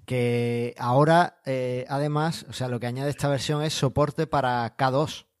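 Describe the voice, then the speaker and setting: Man, host, relaxed and chatty, dry close sound. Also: medium pitch, measured pace, smooth, no room sound. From Spain. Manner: relaxed, chatty, many fillers. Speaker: podcast host. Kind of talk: casual podcast chat.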